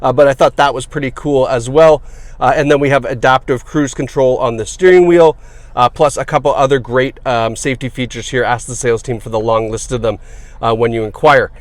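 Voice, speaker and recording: A man's voice: medium pitch, fairly even intonation, a little fast, no echo. Guy showing off a used car, upbeat, lots of uhs, dry close sound. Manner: upbeat, chatty, many fillers. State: has the hiccups. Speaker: car salesperson. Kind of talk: casual car walkaround video. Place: inside a car.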